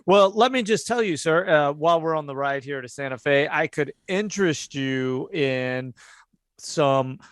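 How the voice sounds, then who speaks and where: A pushy traveling salesman, put on by a man running a tabletop game. He talks in folksy, self-important patter, in a slightly high voice. The sound is close and dry. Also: lively intonation, measured pace, clear, resonant tone, no room sound. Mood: folksy, coaxing. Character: smooth-talking, folksy, pushy male traveling medical equipment salesman. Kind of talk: improvised tabletop role-play.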